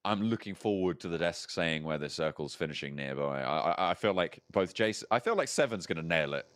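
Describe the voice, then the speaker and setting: A man's voice: sits low, a little fast, dry recording. Man giving musing esports color commentary. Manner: animated, musing, repeats words as he thinks.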